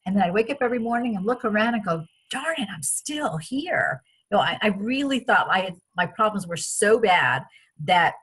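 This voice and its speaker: A woman from France, a guest in an interview, telling personal stories in a chatty, animated way with many restarts. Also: medium pitch, breathy edge. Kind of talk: casual interview storytelling.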